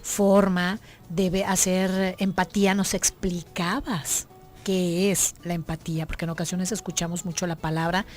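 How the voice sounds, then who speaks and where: A woman's voice: lowish voice, flat delivery, normal speed, faint music behind. A woman hosting a radio talk show in a conversational way, summing up what her guest has said. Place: radio studio.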